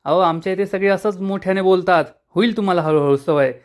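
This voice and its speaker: Narrator doing a brash gossipy young woman, loud and nosy, pokes fun at people with no filter, middling pitch, retold serial scene. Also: fast talker, natural voice. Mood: brash teasing. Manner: teasing, blunt and nosy.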